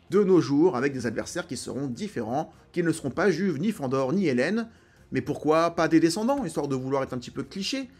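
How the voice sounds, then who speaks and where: A man's voice: a little high, a little mellow. A man hosting an enthusiastic, chatty, opinionated film commentary. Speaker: film video host.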